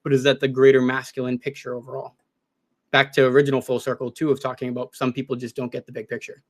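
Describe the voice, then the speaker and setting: A man's voice: mid-range voice, completely flat delivery, fast. Earnest man thinking aloud. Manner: earnest, searching, many restarts. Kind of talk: casual discussion.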